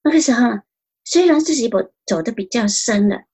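Woman telling her faith testimony, earnest, repeats herself a lot, kinda high breathy voice. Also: animated, normal speed, darkish tone. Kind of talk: spoken personal testimony.

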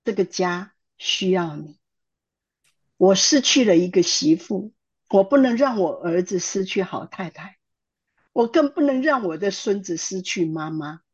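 A woman's voice: medium pitch, lively intonation, a little slow, breathy edge. A woman voicing an older mother-in-law who apologizes and pleads with tearful remorse, on a dull lo-fi recording. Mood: remorseful pleading.

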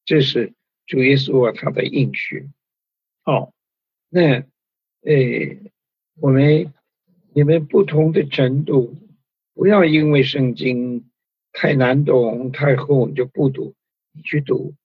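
A man's voice: medium pitch, fairly even intonation, slow pace, long pauses, breathy edge, no room sound. A man preaching a conversational sermon, full of fillers and tag particles. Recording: dull lo-fi recording.

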